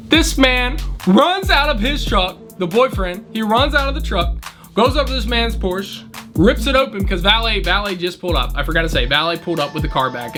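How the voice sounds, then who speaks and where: A man casually telling an animated story about his valet job, often laughing as he talks. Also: sits high.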